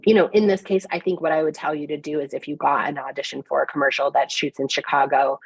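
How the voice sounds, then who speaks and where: Woman, low husky voice, casting director, chatty with fillers, dry video call sound. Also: no echo, poor audio. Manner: chatty, frequent fillers and restarts. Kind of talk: conversational interview. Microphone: video call mic.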